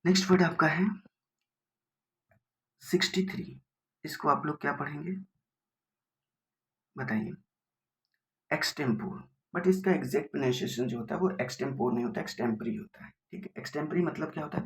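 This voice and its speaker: A man's voice: on the high side, a little fast, long pauses, a bit bright, a little hiss or hum. A man with an Indian accent teaching an exam-prep vocabulary lesson, explaining patiently, asking rhetorical questions and spelling words out letter by letter.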